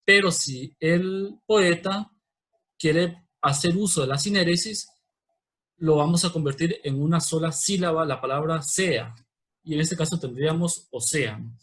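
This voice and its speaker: A man from Honduras with a Honduran Spanish accent, teaching a recorded virtual class, patient and explanatory, slowing down to spell out examples. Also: a little high, a bit bright.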